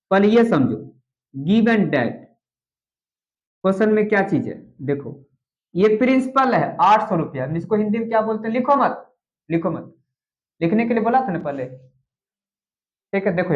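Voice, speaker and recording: A man's voice: high-pitched, darkish tone, highs cut off. A man teaching a math lesson, repeating each step, asking questions as he goes and mixing in English terms. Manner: repetitive, checks in with rhetorical questions.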